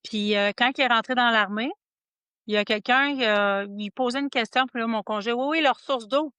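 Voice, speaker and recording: A podcast co-host from the Estrie region of Quebec, speaking with a Quebec French accent, chats casually, often restarting sentences and trailing off into quieter asides. Her voice sits on the high side with fairly even intonation, a moderate pace, and a smooth sound without echo.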